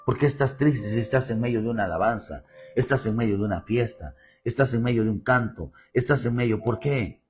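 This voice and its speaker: A man's voice: medium pitch, brisk, a little mellow, faint music behind. A male pastor with a Mexican Spanish accent, preaching a sermon with repeated phrases and swelling emphasis, often calling the listeners "brother". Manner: preaching with repetition and rising emphasis, addressing "hermano".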